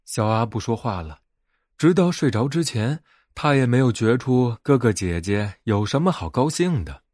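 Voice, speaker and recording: A man narrating a soothing bedtime story in a gentle, unhurried way. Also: mid-range voice, very animated, no echo, studio quality.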